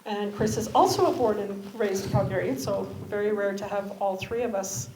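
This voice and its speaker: A woman's voice: mid-range voice, normal speed. A woman moderating a community panel, speaking hesitantly with frequent fillers. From Canada. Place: community centre hall. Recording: echoey hall with background noise.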